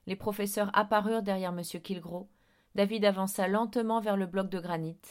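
A woman reading a dark children's novel aloud, with measured, quiet, suspenseful narration. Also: medium pitch, fairly even intonation. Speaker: audiobook narrator. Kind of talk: storybook narration.

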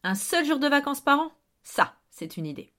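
Woman voicing a gruff, bossy man. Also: on the high side, moderate pace, close to an everyday voice. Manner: barking, excitable, bossy. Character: blustering, gruff middle-aged man in a wheelchair. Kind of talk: audiobook character reading.

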